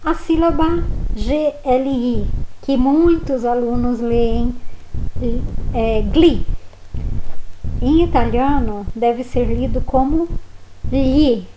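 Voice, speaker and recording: Woman teacher, slow patient delivery, mellow voice, faint hiss behind. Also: fairly high pitch, rough recording. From Brazil. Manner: patient, spells letters and models words slowly. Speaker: language teacher. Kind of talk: slow spoken lesson.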